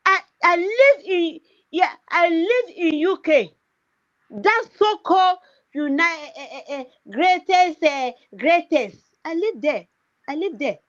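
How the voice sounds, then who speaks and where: Her voice sits high in this lo-fi recording. A Nigerian activist streaming live, not a native English speaker, she rants passionately about politics, stressing and repeating her points with a heavy sprinkling of "eh."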